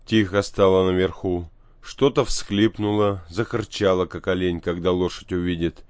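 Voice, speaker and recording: A man with a fairly low voice reads a story aloud in steady, even narration. The recording is dry and close, with no room sound. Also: moderate pace, dry recording. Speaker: audiobook narrator. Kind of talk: scripted narration.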